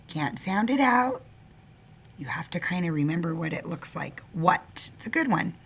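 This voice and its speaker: A woman's voice: fairly low pitch, expressive, breathy edge. A woman teacher dictating a first-grade spelling test, sounding words out and repeating them with simple instructions for young children. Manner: sounds words out slowly, repeating each one.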